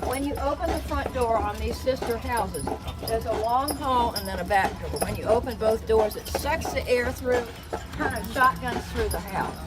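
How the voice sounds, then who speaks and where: This is a slightly high-voiced woman of around seventy, speaking at a normal speed as she gives her tour group a chatty, explanatory sightseeing commentary, projecting outdoors from a moving open carriage. A handheld phone a short distance away captures it, and the recording is very noisy, dominated by loud noise and clip-clopping horse hooves.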